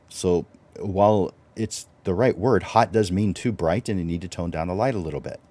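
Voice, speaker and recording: Very low-voiced male host. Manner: relaxed, conversational, with fillers and restarts. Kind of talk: live-stream teaching talk.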